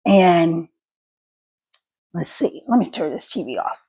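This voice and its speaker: A woman with a gargly, wet-sounding, husky voice, talking casually to her viewers in a vlog with a slight stutter. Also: lowish voice, lively intonation, warm tone. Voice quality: gravelly, husky. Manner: slightly stuttering, halting speech. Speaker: vlogger and stroke survivor.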